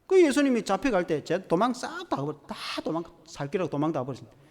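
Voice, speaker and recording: Lively pastor preaching. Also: male voice, high-pitched, fast, long reverb tail. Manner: animated storytelling with acted-out quotes. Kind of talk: sermon.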